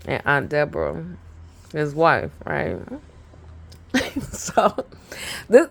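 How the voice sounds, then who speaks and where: A woman's voice: low-pitched, creaky. A woman in her thirties with a Brooklyn accent, telling a rambling family story to camera and laughing often. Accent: Brooklyn, New York. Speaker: vlogger.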